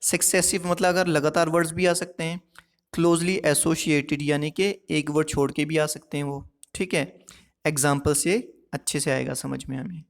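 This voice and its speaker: A man's voice: fairly high pitch, steady tone, normal speed, creaky, in a large hall. A male teacher, explaining a lesson step by step and often checking that the listener is following. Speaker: English teacher. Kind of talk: classroom lesson explaining poetic devices.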